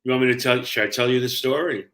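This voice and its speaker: A man's voice: mid-range voice, fairly even intonation, fast, bright, forceful tone. An older man with a Brooklyn, New York accent, explaining and telling personal stories conversationally as a career coach, emphatic and often checking in with the listener.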